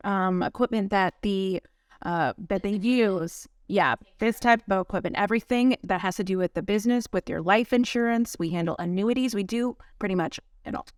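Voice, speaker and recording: Female agency owner, mid-pitched, plain-spoken, slightly distant, dry room. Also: moderate pace, no room sound. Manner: plain-spoken, a few hesitations. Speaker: insurance agency owner guest. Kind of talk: casual chat.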